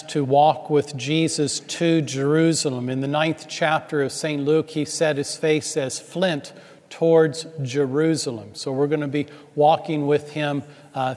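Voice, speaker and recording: A man's voice: fairly high pitch, darkish tone. A priest reading the gospel and then preaching a loose, chatty homily in a large church, his voice carrying a long cathedral echo.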